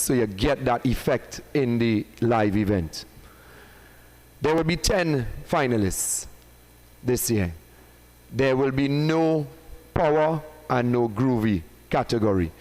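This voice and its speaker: A man with a Trinidadian accent speaks at a press conference, laying out announcements point by point. His delivery is emphatic: he builds up each reveal and jokes with the people in the room. His voice sits at an ordinary middle pitch for a man. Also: a little mellow, rough recording. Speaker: event presenter at a press conference, himself a performing artist.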